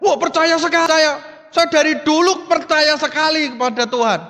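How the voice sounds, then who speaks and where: A man puts on a frantic, high-pitched man clinging to a cliff edge, pleading and promising anything to be saved. His voice jumps up sharply and rings with a long hall reverb. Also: level tone, fairly quick, a bit bright. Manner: desperate pleading, begging. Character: panicked man hanging over a ravine.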